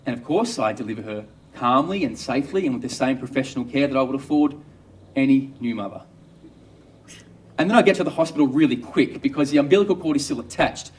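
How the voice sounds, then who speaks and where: A man's voice: medium pitch, animated, fast, recorded from a distance, a little hiss or hum. Wry Australian man telling his story. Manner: wry, dry humour. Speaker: obstetrician. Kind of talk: first-person storytelling monologue.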